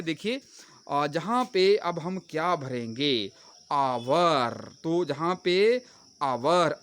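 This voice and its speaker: Lively man teaching grammar. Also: a little high. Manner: explains step by step, asking and answering his own questions. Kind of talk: grammar lesson.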